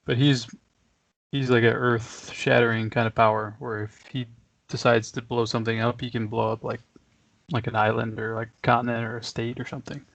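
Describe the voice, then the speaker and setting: A man's voice: mid-range voice, flat delivery, a little fast, creaky, a bit bright, no room sound. A man co-hosting a casual podcast, talking in a laid-back, rambling way and chuckling often. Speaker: podcast co-host. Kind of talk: casual chat.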